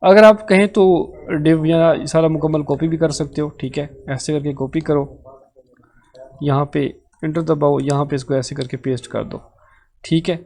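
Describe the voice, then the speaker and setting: A man with a Pakistani Urdu accent leads a live online coding lesson, patiently explaining each step and checking in with his students after almost every phrase. His voice sits a little high for a man. A faint hiss runs behind him. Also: steady tone, normal speed, gravelly, darkish tone. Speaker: programming tutor. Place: live online class session.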